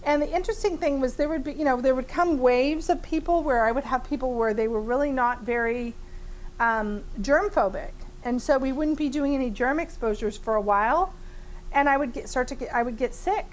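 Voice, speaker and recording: With a high voice and a brisk pace, this therapist runs a live training demo for a small room audience, her big voice full of laughter and filler words. The recording carries a little hiss or hum.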